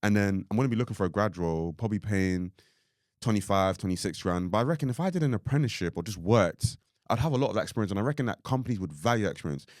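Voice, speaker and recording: Very deep voice, young man, rambling podcast chat, dry close mic. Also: animated, very fast, a little mellow, no room sound. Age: young adult. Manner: rambling, filler-heavy, full of "like". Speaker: podcast co-host.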